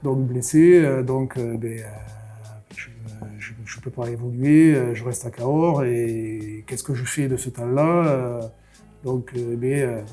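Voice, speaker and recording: A man's voice: mid-range voice, unhurried, warm tone, soft background music. A middle-aged man from southwest France with a southwest French accent, telling his story in a casual interview, hesitant with many fillers and restarts. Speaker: brewery founder, interview guest.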